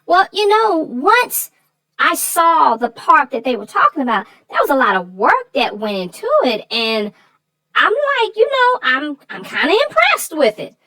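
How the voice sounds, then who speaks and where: On poor audio, a woman co-host of a children's read-aloud show speaks a little slowly in a high, bright, forceful voice with big pitch swings. She discusses the story and gives safety advice, earnestly repeating words for emphasis.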